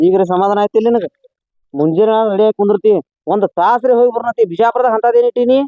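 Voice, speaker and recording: Fast-talking North Karnataka man over music. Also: high voice, fairly even intonation. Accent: North Karnataka Kannada. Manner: scolding, blustering. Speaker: father in a comedy skit. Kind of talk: scripted comedy skit dialogue.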